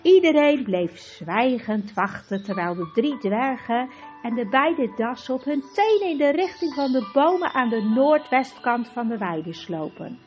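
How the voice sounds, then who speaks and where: A woman narrating a children's fantasy book in a steady, clear storytelling manner. Her voice is fairly high. The recording is dull and lo-fi, with faint music behind. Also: a little slow. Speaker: audiobook narrator.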